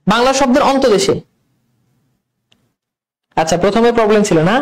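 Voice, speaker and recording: A man teaching an online class, quizzing students with rapid questions and then answering them himself. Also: very high-pitched, animated, poor audio. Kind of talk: online class quiz review.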